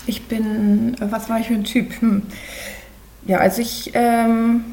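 Mellow-voiced German woman, thoughtful and hesitant. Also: on the high side, little pitch movement, slow. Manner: thoughtful, many hesitations and fillers. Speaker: guest. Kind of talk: conversational podcast interview.

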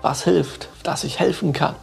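An eager young student, anxious to do good, rising into high, excited questions, as a man narrating the tale puts him on. The voice stays slow and deeply gravelly. Soft music plays in the background. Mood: amazed. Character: agitated young male student, eager to help.

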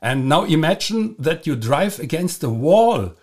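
A man with a German accent, a native German speaker, hosting a podcast in a casual monologue. He talks haltingly, with many fillers and self-corrections, and often chuckles while he explains. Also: fairly high pitch, sing-song, darkish tone, slightly rough. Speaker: podcast host.

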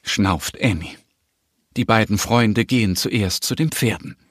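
A man narrating a children's audio story in a gentle, expressive storytelling manner. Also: fairly low pitch, a little slow, no echo, studio quality.

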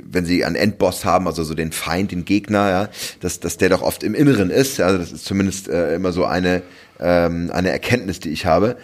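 Low voiced guy hosting a podcast, chatty, rambles through his questions. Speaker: podcast host. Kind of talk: podcast interview.

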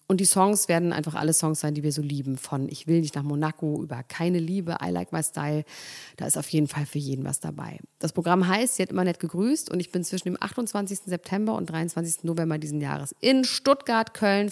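A woman co-hosts a casual gossip podcast, talking in a giddy, animated and self-mocking way. Her voice sits slightly low for a woman. She jumps quickly between jokes and complaints. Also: gravelly. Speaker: podcast co-host.

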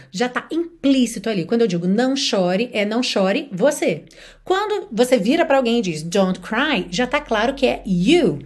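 Lively teacher woman. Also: on the high side. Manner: lively, explanatory, switching into English examples. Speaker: English teacher. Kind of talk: podcast English lesson.

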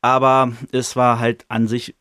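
Male podcast host, casual slangy storyteller, mid-pitched voice, dry close sound. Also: completely flat delivery, a little slow, a bit bright, smooth, dry recording. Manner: loose and slangy, many fillers. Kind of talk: casual chapter retelling.

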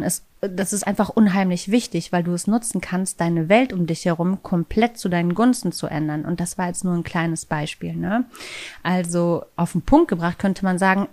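A woman's voice: lowish voice, a little mellow. Chatty woman musing on self-help. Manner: chatty, many fillers and tag questions, laughs at times. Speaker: self-help podcast host. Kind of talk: casual reflective monologue.

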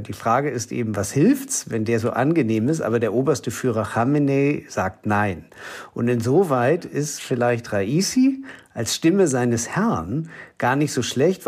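A man giving expert commentary as a guest in a news podcast, explaining in a measured way with frequent hesitations. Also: mid-range voice, a little mellow. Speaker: correspondent guest.

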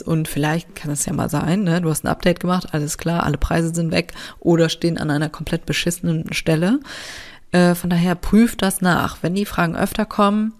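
A woman's voice: on the low side, darkish tone. A woman with a German accent and a nasal, stuffy-nosed voice, chatting casually and bluntly as a solo podcast host.

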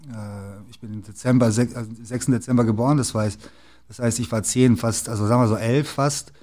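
A middle-aged man from the former Yugoslavia, a basketball club executive, is a guest in a casual interview. His medium-pitched voice is warm, fairly even in intonation and fairly quick, and his speech is full of fillers and restarts.

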